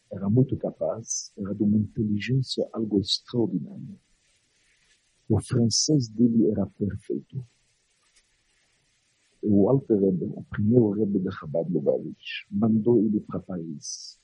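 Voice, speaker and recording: A man with a foreign, non-native accent tells religious stories in a sermon, in a dramatic, emphatic manner with pauses and repeated phrases. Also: lowish voice, a little mellow, husky, dry recording, rough recording. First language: not Portuguese.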